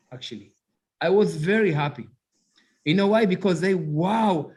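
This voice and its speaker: Searching for words and filling gaps with many fillers, a middle-aged rabbi and author from Ethiopia haltingly tells his life story during an interview. His voice is high-pitched and carries an Ethiopian accent.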